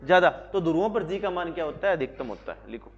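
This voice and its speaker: A man's voice: on the high side, big pitch swings, fast, noisy background. A male physics teacher with a Haryanvi Hindi accent, lecturing a classroom and constantly asking questions he then answers himself. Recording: slightly dull lo-fi recording.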